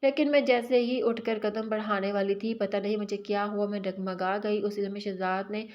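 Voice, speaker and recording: A woman's voice: medium pitch, steady tone. A woman telling a romantic story in first person, in a wistful, confessional way, on a slightly dull lo-fi recording.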